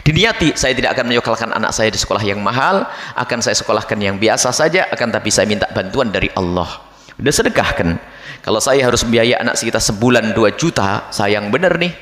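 A man giving a religious lecture to a congregation, animated, acting out the voices of people he describes. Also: on the low side, quick pace. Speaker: Islamic preacher. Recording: echoey hall with long reverb.

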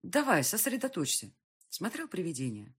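An injured young woman trapped in a pit coaxes and pleads with stubborn urgency, as a woman reads her lines. Her voice is husky and fairly low. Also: wildly swooping pitch, normal speed, full character voice. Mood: urgent.

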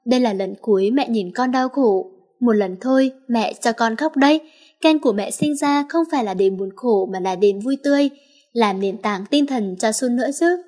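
A woman voicing a protective young mother who speaks softly and soothingly to her son in an audiobook story. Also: on the high side, normal speed, natural voice. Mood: tender. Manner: soft, soothing.

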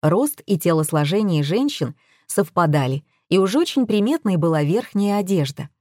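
A woman narrating an audiobook in a steady, measured way. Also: on the low side, no room sound, studio quality.

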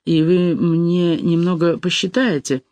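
A reader voicing a brisk, cold male surgeon in an audiobook. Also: a little high, steady tone, darkish tone, no echo, lightly acted. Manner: brisk and businesslike. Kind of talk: audiobook dialogue.

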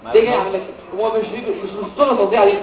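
A man's voice: high voice, racing, far from the mic. A man with an Egyptian Arabic accent lecturing medical students, mixing in English medical terms and quizzing the class. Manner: animated, asks the class questions and answers them himself; mixes English medical terms into his talk. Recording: tinny phone-like audio, echoey room, from afar.

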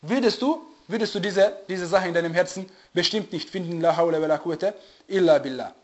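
A man giving a religious lecture who often stops to search for the right word and checks whether listeners follow. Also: sits high. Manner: often pauses to search for German words; asks listeners to confirm they follow. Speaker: religious teacher. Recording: dull lo-fi recording.

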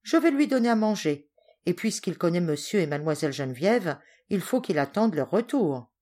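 Woman as calm kindly cook, storybook. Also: lowish voice, normal speed.

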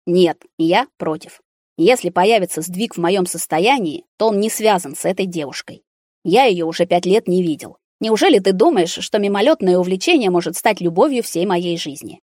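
A woman voicing a bitter, angry young man confined to a hospital ward, speaking sharply and at times shouting. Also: lowish voice, animated, normal speed, no room sound, studio quality.

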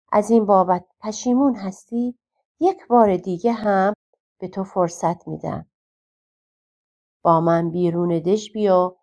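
A woman's voice: mid-range voice, darkish tone, lightly acted. A woman reading aloud voices a wise, stern old man with magic powers, scolding yet forgiving. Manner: reproachful but forgiving.

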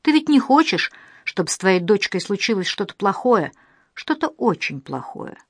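A cold, soulless male blackmailer played by a woman reader hisses threats over the phone in an audiobook thriller. His tone is unpleasant and rude, and the close, dry recording gives the menace no room to soften. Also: medium pitch, big pitch swings, normal speed, dry recording. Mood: threatening.

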